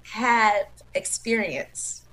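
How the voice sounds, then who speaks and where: A woman's voice: medium pitch, drawn-out words, pushed and bright, poor audio. A young adult woman, a dancer and singer, telling stories as a guest in a casual interview, laughing often and acting out quotes. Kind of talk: casual storytelling.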